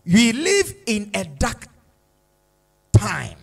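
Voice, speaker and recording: Male pastor, slow dramatic sermon delivery, voice rising and falling a lot. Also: high-pitched, huge pitch swings, creaky, fairly bright tone, slightly rough. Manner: slow, emphatic preaching with dramatic repetition. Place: church.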